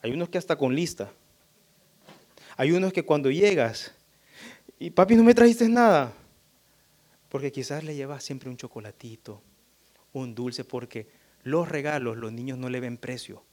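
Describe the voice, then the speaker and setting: A middle-aged man giving an emphatic, sermon-style talk on parenting, addressing the audience directly and jumping into high voices when he imitates children. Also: normal speed. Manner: animated, jumps up high when voicing children. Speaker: church speaker on parenting.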